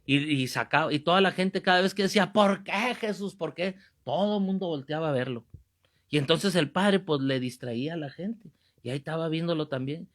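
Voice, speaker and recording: Animated preacher, fairly high voice. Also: male voice, brisk. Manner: animated, joking, rebuking. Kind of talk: sermon with comic storytelling.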